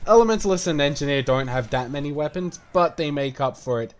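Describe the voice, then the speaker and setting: A man's voice: on the high side, expressive, fairly quick. A man casually explaining a game while playing it, rambling and swearing as he talks. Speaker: game streamer. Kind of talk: gameplay commentary.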